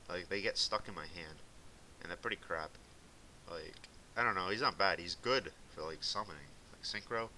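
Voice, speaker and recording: A young man from Massachusetts with a light Boston accent rambles through casual commentary on a card game deck for a gaming video, laid-back and heavy on fillers. His low voice sounds pushed and bright. The home recording has poor audio and a faint hiss.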